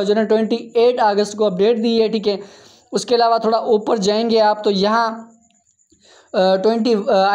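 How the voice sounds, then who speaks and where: A man hosting a crypto app channel, narrating over a screen share in an exasperated, scolding tone, often tagging his sentences with a quick "okay". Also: high voice, a little mellow, muffled recording. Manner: exasperated, scolding, tags lines with 'theek hai'. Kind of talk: screen-share commentary rant.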